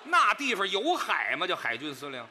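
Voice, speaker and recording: A man plays the straight man in a crosstalk comedy. His voice is very bright and a bit high, and his pitch leaps wildly between short grunts of agreement and mock-outraged comebacks. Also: wildly swooping pitch, normal speed, slight background noise. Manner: short interjections and mock-indignant retorts.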